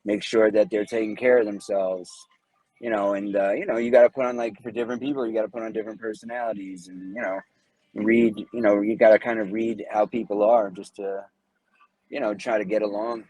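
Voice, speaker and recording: A man in his thirties speaks in a low, husky voice, relaxed and unhurried, often pausing on fillers as he thinks aloud. The sound is close and dry, with no room around it. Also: no room sound, rough recording. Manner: relaxed, hesitant, many fillers. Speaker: guest, former Navy corpsman. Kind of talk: casual interview conversation. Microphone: podcast microphone.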